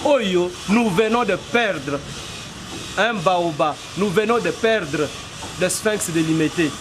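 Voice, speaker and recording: Speaking slowly in a high-pitched voice, this man in his forties gives an earnest street interview in a blend of French and Lingala, working up to emphatic rhetorical statements. The clip was recorded outdoors on a noisy city street with traffic going by.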